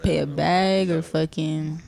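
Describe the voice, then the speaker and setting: Gravelly, mellow laid-back man. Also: a little high, takes it slowly, crowd noise. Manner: relaxed, laid-back listener, brief comments. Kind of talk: casual podcast chat.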